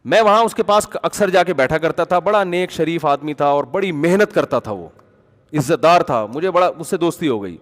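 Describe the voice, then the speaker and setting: Male preacher, lively and emphatic in delivery, slightly high voice, lingering hall echo. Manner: animated, conversational, rising to emphatic peaks. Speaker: Islamic preacher. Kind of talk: storytelling sermon.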